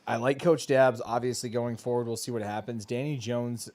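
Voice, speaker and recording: A man's voice: mid-range voice, fairly even intonation, moderate pace, a little mellow. A man hosting a casual sports betting chat, joking and rambling. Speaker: host.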